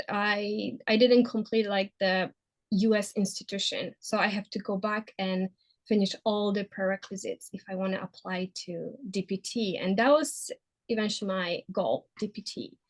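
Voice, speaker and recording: A woman in her thirties from Poland with a Polish accent, telling her story as an interview guest with many pauses and fillers. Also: medium pitch. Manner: hesitant, many fillers and restarts. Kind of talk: casual interview.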